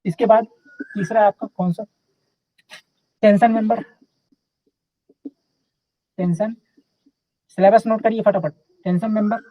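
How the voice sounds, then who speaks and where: A man's voice: sits high, steady tone, measured pace, long pauses, dark tone, no echo, poor audio. A young man teaching a live online class in a casual, chatty way, often checking in with his students.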